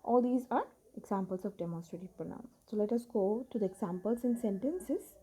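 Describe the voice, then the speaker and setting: A woman teaching a grammar lesson, speaking slowly and deliberately, repeating points and often checking with "okay, clear?" and "yes or no?". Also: mid-range voice, mellow. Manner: slow and deliberate, stressing key words. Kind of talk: grammar lesson over a screen recording. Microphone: screen-recorder voice-over.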